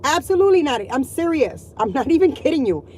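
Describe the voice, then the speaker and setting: Middle-aged mom vlogger, slightly high voice, blunt and foul-mouthed, exasperated rant; faint background hum. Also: female voice, big pitch swings, fairly quick, darkish tone, low-quality recording. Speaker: mother venting to viewers. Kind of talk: ranting vlog monologue.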